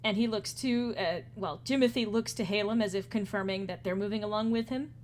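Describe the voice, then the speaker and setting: A woman narrating a tabletop game as game master, relaxed and chatty, often laughing. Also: mid-range voice, fairly quick, a little hiss or hum.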